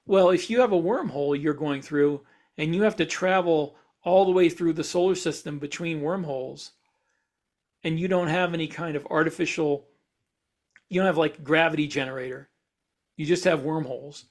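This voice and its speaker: A podcast co-host with a slightly high voice and a moderate pace thinks aloud in a casual, explanatory way. He's talking through ideas in a relaxed discussion of speculative science for fiction.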